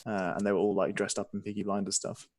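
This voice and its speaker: A man's voice: fairly low pitch, little pitch movement, quick pace, darkish tone, no echo. Informal man narrating as game master. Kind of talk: game master narrating and chatting on a tabletop game stream.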